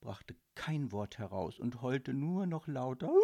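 A man narrating a children's audiobook in a playful, expressive way. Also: medium pitch, gravelly, dull audio.

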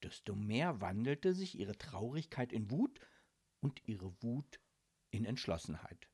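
A man narrating a children's audiobook in an expressive storytelling manner. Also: fairly low pitch, unhurried, husky. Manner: warm storytelling, varied and expressive.

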